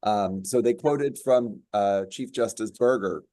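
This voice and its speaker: Low, mellow-voiced judge speaking haltingly. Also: male voice, no echo. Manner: measured, halting with many fillers. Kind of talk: panel discussion remarks.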